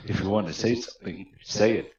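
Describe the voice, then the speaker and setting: A man voicing a small, sour-tempered young schoolgirl in an exaggerated deep voice. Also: fairly quick, darkish tone, dull audio, a little hiss or hum, lightly acted.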